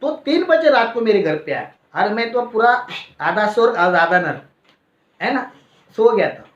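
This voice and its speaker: A man, preaching a sermon and telling a personal story in an animated way, often adding "है ना" and "Praise the Lord". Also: high voice, measured pace. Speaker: pastor. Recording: echoey, dull lo-fi hall recording.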